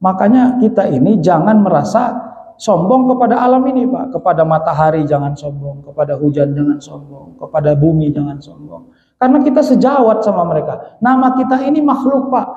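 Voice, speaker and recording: A man preaching a humorous mosque sermon, telling lively stories and often calling out to the congregation. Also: a little high, a little fast. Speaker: Islamic preacher. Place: mosque hall. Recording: echoey, dull lo-fi mosque hall.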